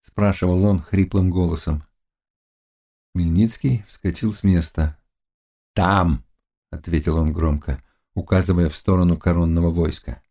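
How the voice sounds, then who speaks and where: Low-voiced male audiobook narrator. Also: fairly even intonation, dark tone. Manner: dramatic, measured reading. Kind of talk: scripted literary narration.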